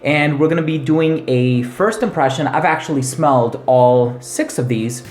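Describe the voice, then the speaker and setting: A male host gives a casual, laid-back product review at a medium pitch. His voice bounces around an echoey room, with music playing underneath. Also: normal speed, darkish tone. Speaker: fragrance reviewer and channel host. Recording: roomy echo with music underneath.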